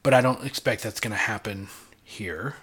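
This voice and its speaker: A man's voice: on the low side, normal speed, a bit bright, slightly rough. A man co-hosting a casual chat, eager and rambling, explaining things at length.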